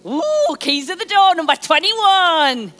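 A woman on stage playing a brisk, sardonic bingo caller, calling numbers in a rhythmic sing-song. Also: extremely high pitch, sing-song, a bit bright, heavily acted. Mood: brisk, showy. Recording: live theatre stage performance.

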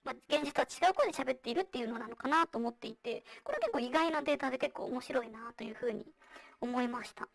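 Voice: animated, fast, vocal fry, dry recording, recorded from a distance. A presenter with a girlish feminine voice electronically processed through a voice changer, explaining survey results in a conversational way. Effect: voice changer, processed into a high feminine voice. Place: online virtual-reality venue.

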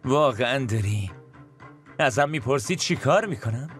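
A man's voice: mid-range voice, animated, fairly bright tone, soft background music, lightly acted. An actor dubbing an exasperated young husband who fires sarcastic, accusing questions at his wife. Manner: sarcastic, accusing, rapid-fire rhetorical questions. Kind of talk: Persian dub of a TV drama.

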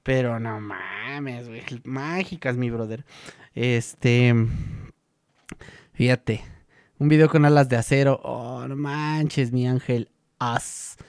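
This vlog host is a young Mexican man whose medium-pitched voice moves at a slow pace. He keeps the chat casual, spinning lively, jokey stories full of slang in his Mexican Spanish accent.

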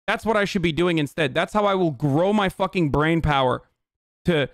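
A man in his thirties from Turkey, ranting bluntly and profanely as a political streamer in a heated livestream commentary, at home on a boom-arm studio mic. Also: moderate pace, a bit bright, no echo. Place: home room, indoors.

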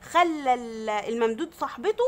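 On the high side, animated and a little fast, a woman with an Egyptian Arabic accent teaches grammar to young children as a primary school teacher. She explains patiently, answers her own questions, and elongates vowels to illustrate long sounds.

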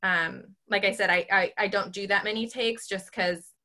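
At a normal pace, a woman in her thirties, a real estate agent, carries on a relaxed video call chat from a small bedroom at home using her laptop webcam. Animated and gesturing with her hands, she speaks in a squeaky, high-pitched voice peppered with ums.

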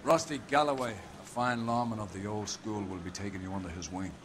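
A man's voice: on the low side, a little fast, background noise, close to an everyday voice. Man playing a lilting leprechaun-like Irish police captain. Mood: brisk, wry. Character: Irish police captain briefing his squad, brisk and wry. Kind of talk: scripted video game briefing.

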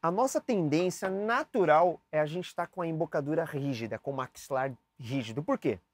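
A man's voice: a little high, lively intonation, moderate pace, no echo. A young man teaching saxophone basics in a casual, chatty way, demonstrating and talking straight to the viewer. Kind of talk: casual instructional lesson. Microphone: camera mic, switching cameras.

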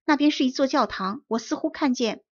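A woman voicing a brave young boy in a storybook reading, eager and earnest, with a husky, gravelly voice on a dull recording. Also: on the high side, expressive, a little fast.

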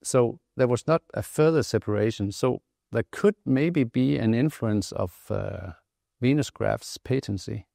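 A middle-aged Danish man of around 60, a physician and clinical trial investigator, explains research findings in a measured, matter-of-fact interview style. His mid-range voice is mellow with vocal fry. A lapel mic captures studio-quality, close, dry sound on an indoor interview set.

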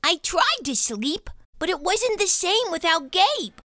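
Storytime host: bright, high-pitched woman reading a kids' book, lively and unhurried, dry close sound. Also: dry recording. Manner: animated, expressive reading. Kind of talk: children's storybook read-aloud.

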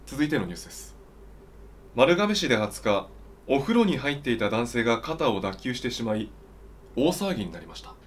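A man's voice: medium pitch, big pitch swings, a little fast, slight background noise. A young man reading scripted mock news as a newscaster in a formal, straight-faced way. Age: young adult. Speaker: comedy newscaster.

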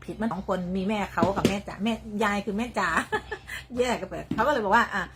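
A woman's voice: medium pitch, brisk. An older woman with a Northeastern Thai Isan accent chats through a casual phone livestream. She rambles, circles back and repeats her words, breaking into laughter. A faint background hum sits under her voice. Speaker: livestream host.

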